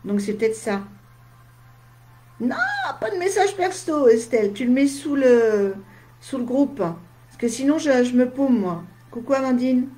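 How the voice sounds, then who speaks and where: A woman speaks casually to her live-stream audience, replying to their comments in short, chatty asides. She sounds tired, and a slight head cold leaves her voice faintly husky and dry. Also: sits high, animated, a little slow, warm tone. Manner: chatty, talks straight to viewers in short asides. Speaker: medium.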